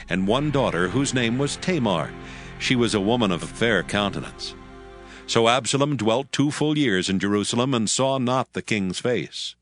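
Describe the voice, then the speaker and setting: Soft music sits faintly beneath a man reading scripture aloud. His voice is on the low side, and his delivery is slow, deliberate, and solemn.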